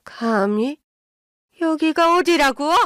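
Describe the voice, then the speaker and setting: Woman voicing an old mother-in-law, possessive, shrill scolding, high voice, dry sound. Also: animated, takes it slowly, fairly bright tone, no room sound, exaggerated voice. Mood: furious. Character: elderly domineering mother-in-law, furious and possessive.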